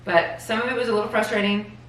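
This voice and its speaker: A middle-aged woman chatting casually at home, relaxed and chatty. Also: medium pitch, fast, recorded from a distance. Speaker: vlogger's mother. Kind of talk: casual chat. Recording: roomy audio, a bit off-mic, faint hum.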